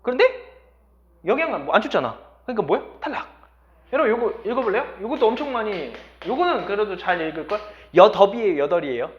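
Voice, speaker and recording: A male teacher with a fairly high voice that swings up and down as he lectures, firing question after question at his class. The recording is slightly dull and lo-fi. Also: fast. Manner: lively, constantly quizzing students. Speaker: Korean language teacher.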